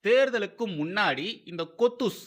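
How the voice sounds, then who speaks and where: A man's voice: high-pitched, animated, normal speed. A man hosting political commentary, mocking and sarcastic, who repeats phrases for emphasis.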